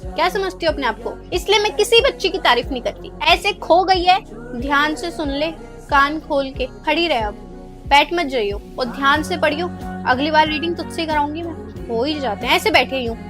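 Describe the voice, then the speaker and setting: A woman in a comedy sketch who talks in a scolding, sharp-tongued way. Her voice is high. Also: animated, normal speed, music in the background. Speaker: sketch performer playing a teacher.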